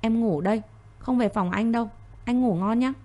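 A woman's voice: a little high, moderate pace, warm tone, lightly acted. Woman voicing Tuệ Lâm, a tearful young woman. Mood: anxious pleading.

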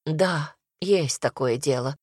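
A woman voicing a worried mother who frets and laments softly. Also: low voice, slow, breathy edge, dry recording, clean studio sound, voice pushed down, exaggerated voice. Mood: fretful. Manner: fretful, lamenting, hushed.

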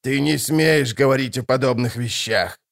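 A man voicing a bitter, scheming old female priestess, muttering and hissing in a hushed, low voice. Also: moderate pace, creaky, dry recording, studio quality, close to an everyday voice. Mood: bitter, pleading.

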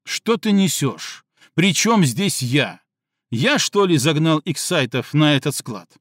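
A man voicing a sleepy, irritable man in an audiobook reading, slightly hoarse and sarcastic, sometimes barking. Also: on the high side, big pitch swings, takes it slowly, no echo, clean studio sound, exaggerated voice.

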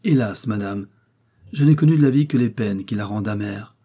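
A man's voice: lowish voice, a little fast, warm tone, husky. A man reading the part of a young knight in love, impassioned and lifting his voice on his pleas. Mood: sorrowful. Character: young knight, ardent and despairing lover. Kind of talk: audiobook reading.

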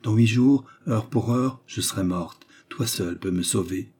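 A man reading the part of a calm, scheming woman who stays unshaken, speaking in a measured way. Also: on the low side, breathy edge.

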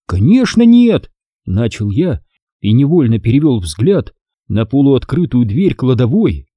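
A man narrating a storybook in a lively, expressive reading. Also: medium pitch, measured pace, breathy edge, no echo, dull audio. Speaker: audiobook narrator.

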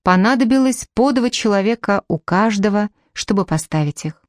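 A woman narrating a fantasy novel in the first person, in a measured storytelling manner. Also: mid-range voice, lively intonation, darkish tone, dry recording, studio quality. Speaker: audiobook narrator.

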